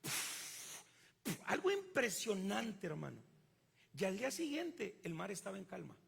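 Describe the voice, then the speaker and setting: Mexican man preaching, emphatic, husky and gravelly, echoing through a big church hall. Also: high voice, big pitch swings, moderate pace. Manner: emphatic, asks the congregation to fill in words. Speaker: pastor. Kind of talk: sermon.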